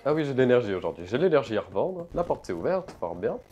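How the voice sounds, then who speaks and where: A man's voice: mid-range voice, very animated, quick pace, a little mellow, dull audio, soft background music. A man playing a horror game in let's play commentary, talking in a pompous mock-aristocratic manner with old-fashioned wording and jokey asides to viewers. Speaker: gaming YouTuber.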